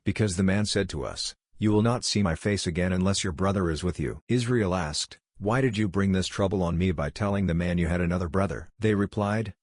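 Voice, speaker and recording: A man giving a steady, measured scripted reading of scripture, reading the quoted speech with little change of voice. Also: deep voice, no room sound, studio quality. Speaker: Bible reader.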